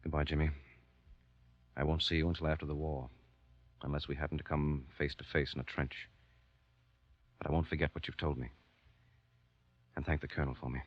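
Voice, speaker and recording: Low-voiced actor as grave American war correspondent. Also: male voice, a little fast, fairly bright tone, close to an everyday voice. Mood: wry, serious. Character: American war correspondent narrating his story, wry, candid. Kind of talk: grave 1940s radio war drama acting. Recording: dull old 1940s radio recording.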